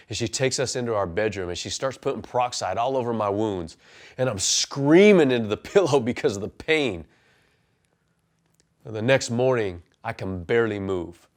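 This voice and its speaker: A man in his forties, a life coach and pastor, telling his own story earnestly and then giving punchy motivational advice. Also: on the low side. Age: 40s. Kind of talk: personal testimony and motivational talk.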